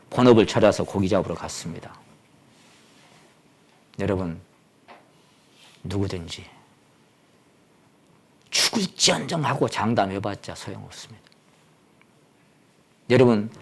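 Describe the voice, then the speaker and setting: Dramatic male pastor preaching. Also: fairly low pitch. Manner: dramatic, swings from loud exclamations to near-whispers. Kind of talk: sermon.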